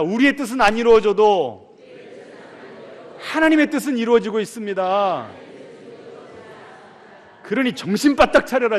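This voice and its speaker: A man preaches from a pulpit in a high, lifted voice, asking his listeners questions and then answering them himself. He pushes some points out loudly and drops others to a near-murmur. The sound rings on in the long reverb of a large church hall. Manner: swings sharply between loud emphasis and soft asides. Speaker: pastor. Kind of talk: sermon.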